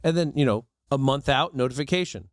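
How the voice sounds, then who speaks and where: A man as a podcast guest in casual conversation, chiming in with quick asides. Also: mid-range voice, no room sound, clean studio sound.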